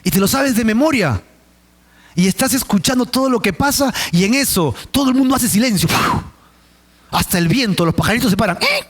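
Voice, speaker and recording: A man's voice: extremely high pitch, expressive, a little fast. A man, preaching a Bible study sermon and telling the scene as a vivid, dramatic story. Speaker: pastor.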